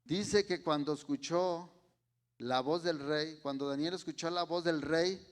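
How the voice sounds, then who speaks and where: Slow, deliberate higher-voiced male preacher. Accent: Mexican Spanish. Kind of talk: sermon.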